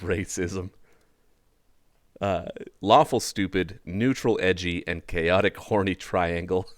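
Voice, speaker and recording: A man's voice: deep voice, no echo, studio quality. A man hosting an online party trivia game, reading prompts aloud in a laid-back drawl and laughing often. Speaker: game show host. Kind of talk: casual online game chat.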